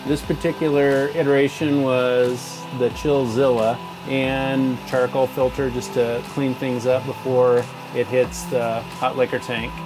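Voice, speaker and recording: A man in his forties, a home brewer, casually explaining his setup as he works in an indoor home brewery. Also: medium pitch. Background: guitar music.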